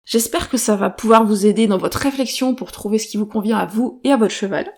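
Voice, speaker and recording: A woman's voice: mid-range voice, brisk. A woman hosting her own podcast, explaining ideas in a casual, thinking-aloud way with frequent fillers and restarts. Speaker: podcast host. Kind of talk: solo podcast talk.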